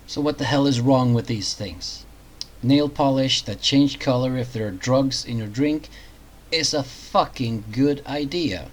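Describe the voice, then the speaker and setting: A man's voice: mid-range voice, measured pace, poor audio. A man hosting a reaction commentary video, talking in a sarcastic, mocking way.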